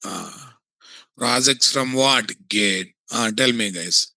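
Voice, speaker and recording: A man with a Telugu Indian English accent giving a software tutorial, thinking aloud and often asking questions that he answers himself. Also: mid-range voice, takes it slowly, gravelly, dry recording. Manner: asks and answers his own checking questions.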